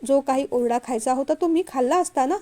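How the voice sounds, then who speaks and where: A woman voicing a gentle young woman in a storybook reading, speaking softly and coaxingly to the man she loves. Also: sits high, fairly quick, close to an everyday voice. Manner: soft, coaxing. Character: gentle, apologetic young woman, office employee.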